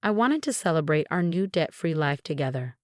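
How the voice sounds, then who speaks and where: A woman narrating a first-person story in a calm, even, scripted way. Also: low-pitched, fairly quick, no echo, clean studio sound.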